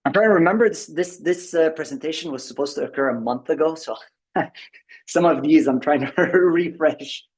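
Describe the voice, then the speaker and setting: With a fairly high-pitched voice at a moderate pace, a man gives a tech presentation to a members' meeting conducted by video call. His conference talk is marked by lots of fillers and restarts.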